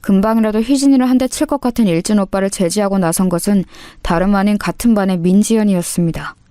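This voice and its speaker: A woman's voice: mid-range voice, fast, dark tone, smooth, dry recording, clean studio sound. Woman narrating a dramatic audio story.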